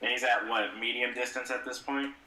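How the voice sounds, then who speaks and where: Male tabletop player, strikingly sharp bright tone, casual, roomy echo. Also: mid-range voice, fairly even intonation, a little fast. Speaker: tabletop role-playing game player. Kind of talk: casual game chat. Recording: roomy, echoing sound.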